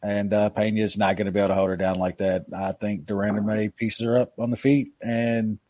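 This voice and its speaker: A man's voice: on the low side, level tone, brisk, a little mellow, no echo. A man co-hosting a casual sports podcast, giving his betting picks in a laid-back way. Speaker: podcast co-host.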